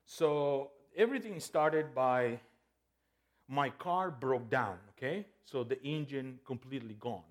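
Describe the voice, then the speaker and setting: A guest preacher from El Salvador delivers a playful, conversational sermon in a medium-pitched voice at a measured pace. He restarts often and keeps checking in with "okay?"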